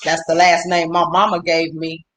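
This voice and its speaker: A man with a high voice holds an angry livestream rant, swearing freely. He keeps breaking off to greet his viewers by name before going back to his complaint. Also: completely flat delivery, normal speed, fairly bright tone, faint music behind. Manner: profane, heated, stops to greet viewers. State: upset.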